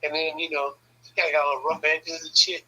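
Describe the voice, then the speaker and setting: A man's voice: a little high, little pitch movement, quick pace, pushed and bright, poor audio. A man casually telling a rambling, profane story, often checking in with "right?". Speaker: podcast host telling a story.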